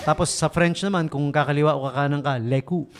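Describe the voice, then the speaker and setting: A man's voice: a little high, fairly even intonation, quick pace, heavy background noise. A man with a Filipino accent hosting a casual radio show, joking and chuckling at his own puns. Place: radio studio.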